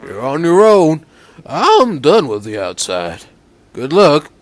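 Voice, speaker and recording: A man's voice: on the high side, huge pitch swings, slow, no echo, pitched above the performer's own voice, heavily acted. A man voicing a lonely, despondent male robot in a mournful old-man voice, reading game dialogue aloud.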